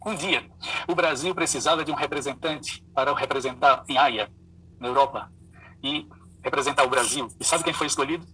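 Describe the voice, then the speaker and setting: A man preaches in an animated, storytelling way and puts on voices for his characters. His tone is bright and forceful, with a husky, breathy grain. The mic sits some distance from him. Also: mid-range voice, a little fast. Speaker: pastor and psychologist giving a talk. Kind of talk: sermon with acted-out stories.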